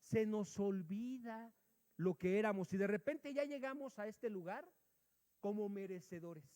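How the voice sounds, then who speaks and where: A pastor with a high, unhurried voice preaches a sermon, recounting a personal story and acting out its dialogue. He drops to a quiet voice and then rises loud. Long reverb from the hall trails his words.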